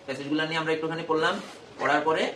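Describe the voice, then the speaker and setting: A man's voice: a little high, little pitch movement, racing, over a noisy crowd. A male teacher giving a classroom lesson, patiently repeating phrases for his students. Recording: echoey classroom, faint noise.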